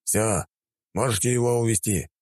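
A man's voice: on the low side, fairly even intonation, moderate pace, darkish tone, no echo, clean studio sound, voice pushed up, lightly acted. A man reading an audiobook, voicing a stern male army commander who barks orders.

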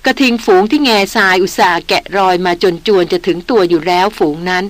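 A woman reading an adventure novel aloud as an audiobook narrator, telling the story in a measured, vivid way. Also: mid-range voice, no room sound.

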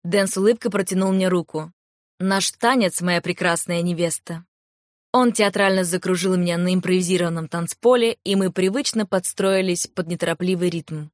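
Calm woman narrating an audiobook. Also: on the low side, a little fast, hardly any pauses, dry recording, clean studio sound. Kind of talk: first-person audiobook narration.

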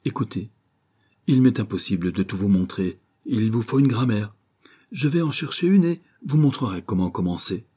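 A man voicing a gentle, refined young woman. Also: on the low side, animated, normal speed, breathy edge. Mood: kindly. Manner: patient, kindly corrective.

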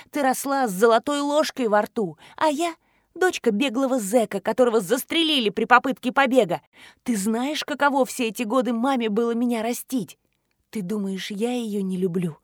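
A woman reading an audiobook voices a fierce, scornful teenage girl who hisses and shouts in sharp indignation. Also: fairly high pitch, normal speed, no echo, clean studio sound, close to an everyday voice. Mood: bitter hissing. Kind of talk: audiobook character voice.

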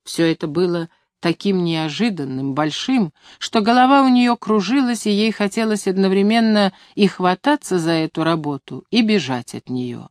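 A woman narrating a novel as an audiobook in a measured, even storytelling manner. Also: lowish voice, no room sound, clean studio sound. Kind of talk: scripted literary narration.

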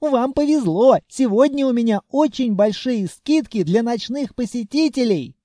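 Give me a man playing a squealing, panicky male shopkeeper, high and far-off sounding. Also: expressive, moderate pace, warm tone, no echo, clean studio sound. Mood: wheedling. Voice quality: squealing, shrill. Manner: screaming for help in panic.

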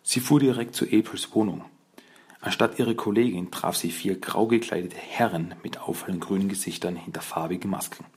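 A man reading a children's audiobook as narrator, in measured storytelling. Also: low voice, slightly rough.

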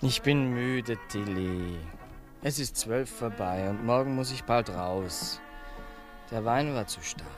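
An actor playing a gentle, soft-spoken young man in a radio play. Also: medium pitch, slow, music in the background, natural voice.

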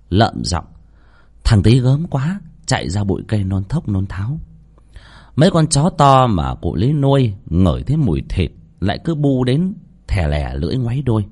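A man narrating a horror story in an expressive, dramatic way. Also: on the low side.

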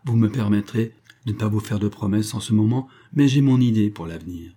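Man voicing a repentant billionaire, formal and courtly, dark tone, low pitch. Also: a little fast, close to an everyday voice. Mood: gracious. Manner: formal, contrite. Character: remorseful older male billionaire, courtly.

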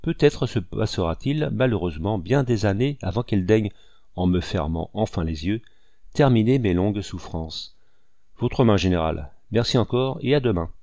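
A man reading aloud voices a calm, resolute male hunter who speaks coolly and firmly. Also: on the low side, no room sound. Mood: melancholy. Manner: cool, firm and measured.

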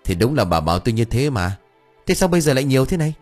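A stubborn old man, blustering and boastful, as a storyteller puts him on. The voice sits low and rises and falls with lively emphasis. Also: quick pace, soft background music. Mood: defensive.

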